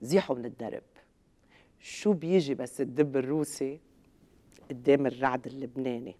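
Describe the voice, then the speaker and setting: A woman's voice: a bass voice, fairly quick, music in the background. A middle-aged Lebanese woman hosting a satirical TV show, delivering a sarcastic, escalating comedy rant full of mock outrage. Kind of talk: scripted satirical comedy monologue. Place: TV studio.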